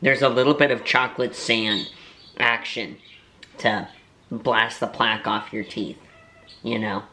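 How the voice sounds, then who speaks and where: A man's voice: on the low side, steady tone, a little slow, bright, forceful tone, slight background noise. A young man and voiceover artist chatting casually to camera in a food-tasting vlog. He rambles and cracks playful self-mocking jokes. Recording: roomy echo.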